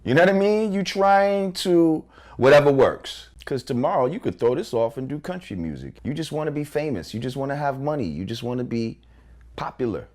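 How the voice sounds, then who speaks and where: Male interviewer, lively pitch, confrontational and accusing. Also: a little fast.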